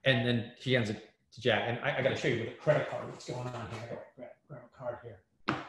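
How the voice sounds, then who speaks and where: Excitable man in a roomy echo. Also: medium pitch, quick pace, crowd noise. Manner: excitable, lots of fillers and restarts. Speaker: guest, startup hardware builder. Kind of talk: animated storytelling in an interview.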